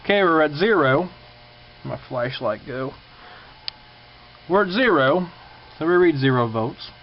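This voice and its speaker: At his home workbench, a hobbyist shows his repair work and chats to viewers unscripted in a plain, folksy way. His voice is a little high, with lively intonation and an unhurried pace. The handheld camera's built-in mic gives muffled, lo-fi sound with a clear hum.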